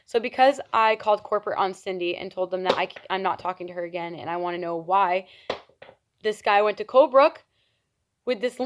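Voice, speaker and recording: A young woman from New telling an exasperated, animated storytime vlog at home. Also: mid-range voice. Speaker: reptile keeper vlogger.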